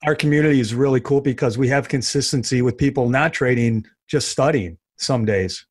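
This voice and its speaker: A man's voice: mid-range voice, brisk, husky, no room sound, studio quality. A man co-hosting a trading podcast, chatting in an agreeable, easygoing way with casual swearing. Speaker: podcast co-host.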